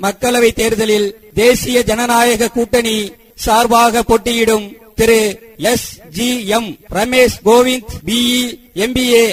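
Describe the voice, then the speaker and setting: High flat-voiced male campaign announcer. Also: rough recording. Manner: formal, declamatory appeal to voters.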